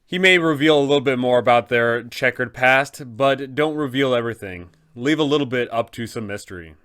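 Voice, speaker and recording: In a casual guide for tabletop game masters, the male host shares advice in a chatty way, often asking rhetorical questions. He speaks briskly with a mid-range, fairly bright voice.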